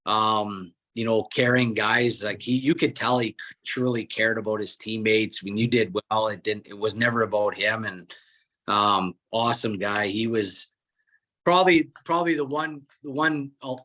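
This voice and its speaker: Male podcast guest, low voice, relaxed storyteller. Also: normal speed. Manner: relaxed storytelling with frequent restarts. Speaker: guest, former hockey player and coach. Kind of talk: casual podcast chat.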